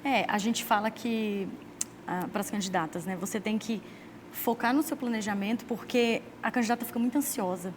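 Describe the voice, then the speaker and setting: A woman's voice: mid-range voice, normal speed, a little hiss or hum. A Brazilian woman guest on a studio talk show who explains her group's work at length and speeds up when she quotes other people. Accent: Brazilian Portuguese. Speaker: guest, political organizer.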